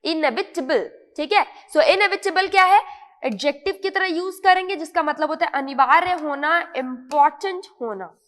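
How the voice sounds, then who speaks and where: An Indian woman teaching English vocabulary in an online lesson, explaining patiently, repeating each word and checking often that it is clear. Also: high-pitched, normal speed, fairly bright tone, in a large hall.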